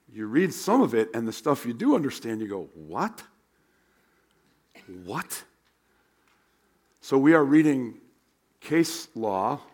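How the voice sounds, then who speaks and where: An American man preaching as a pastor in a hoarse, worn voice, speaking in a plain, conversational way. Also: medium pitch. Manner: plain-spoken, conversational, rhetorical questions. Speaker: pastor teaching a Bible class. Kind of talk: sermon with spoken prayer and teaching.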